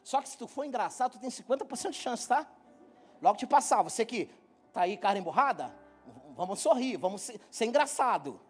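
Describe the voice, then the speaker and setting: A middle-aged man from Brazil preaching to his congregation, telling a funny personal story in a joking, animated way and speaking straight to the people. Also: very high-pitched, husky. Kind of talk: humorous sermon storytelling. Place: church hall.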